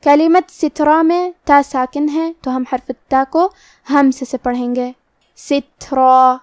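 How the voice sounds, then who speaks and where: High-voiced woman teaching careful recitation. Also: a little mellow, dry recording, clean studio sound. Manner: careful, methodical explaining of each sound. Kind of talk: step-by-step recitation lesson.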